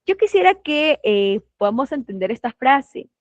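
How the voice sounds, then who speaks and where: A woman with a Peruvian Spanish accent teaches a nursing class, asking the students questions and praising their answers. Her voice sits high. The sound is dull and dry, as if from a plain close microphone. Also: big pitch swings, no echo. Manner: acts out patients and staff in quick put-on voices; asks the class questions and affirms their comments. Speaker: nursing instructor. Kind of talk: online class lecture.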